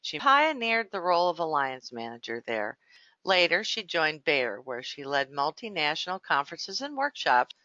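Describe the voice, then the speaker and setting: A woman's voice: low-pitched, sing-song, normal speed, pushed and bright, dry recording, dull audio. A woman hosting an interview podcast, speaking articulately and addressing her guest and listeners in a formal way. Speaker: podcast host. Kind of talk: scripted podcast introduction and interview.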